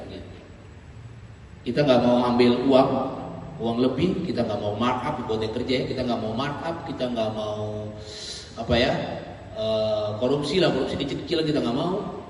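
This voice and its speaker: Pastor in an echoey hall. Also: male voice, medium pitch, a little mellow, a little hiss or hum. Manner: casual, joking, acts out voices with laughter. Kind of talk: lively youth sermon. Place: church hall. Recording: echoey hall, distant mic.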